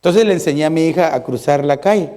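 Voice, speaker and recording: A middle-aged male pastor, preaching a sermon with animated storytelling and humorous asides. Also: a little high, fast talker, slight background noise.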